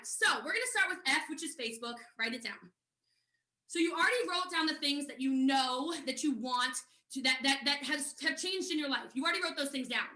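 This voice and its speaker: A woman from the United States leading a fast, energetic live online training on network marketing, talking to viewers in a chatty, direct way. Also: sits high, reverberant. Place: at home.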